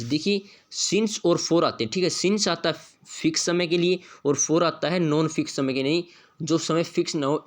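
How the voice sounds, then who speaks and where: A man with a slightly raised pitch leads an exam-prep grammar lesson. He drills each point by asking a question and answering it himself several times. He reads the example sentences out slowly. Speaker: English grammar teacher.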